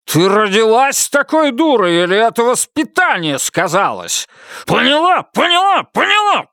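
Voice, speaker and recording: A man voicing a brutal, bullying middle-aged husband who snarls and shouts his contempt. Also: a little high, very animated, measured pace, dry recording, clean studio sound, pitched above the performer's own voice. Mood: raging.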